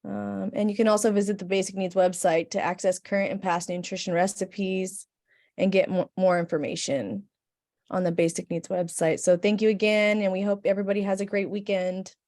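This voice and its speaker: A woman's voice: medium pitch, level tone, a little fast, darkish tone. Woman giving closing announcements. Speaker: event organizer.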